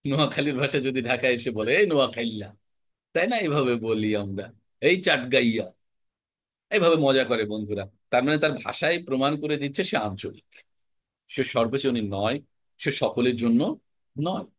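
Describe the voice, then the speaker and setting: Man, voice teacher, online class, measured, emphatic, mid pitch. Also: expressive, dry recording. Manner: measured, emphatic explaining with deliberate pauses. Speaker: recitation and voice teacher.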